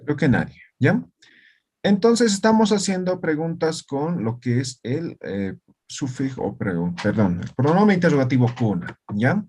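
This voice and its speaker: Slow-talking man teaching. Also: a little high, very animated, a little mellow, breathy edge. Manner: explains slowly, tagging lines with "¿no ve?" and "¿ya?". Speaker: language teacher. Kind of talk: online class lesson.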